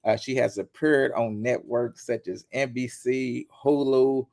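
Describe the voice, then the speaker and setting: A man hosts an interview in an upbeat, casual way and hypes his guest with big introductions. His voice sits mid-range with a gravelly edge, recorded dry and close with no room sound. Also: mid-range voice, steady tone, a little slow, darkish tone, no room sound. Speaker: interview host.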